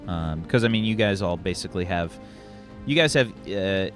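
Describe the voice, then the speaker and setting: A man with a fairly low voice referees a tabletop game. He talks casually and haltingly, often searching for the next word. Faint music plays underneath. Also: animated. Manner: hesitant, halting, searching for words. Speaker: game master.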